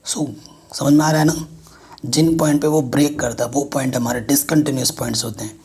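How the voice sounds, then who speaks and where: A man gives a math lesson at a board. He explains step by step and keeps checking that students follow. His voice is husky and noticeably rough. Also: mid-range voice, steady tone, brisk, darkish tone. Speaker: math teacher.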